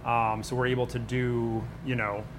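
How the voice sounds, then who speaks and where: A man's voice: mid-range voice, flat delivery, normal speed. A man from the Buffalo area of New York, a restaurant owner, chatting casually and informally in an interview. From Buffalo area, New York, United States. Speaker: pizza restaurant owner and bartender. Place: on location at his restaurant. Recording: noisy location with background ambience.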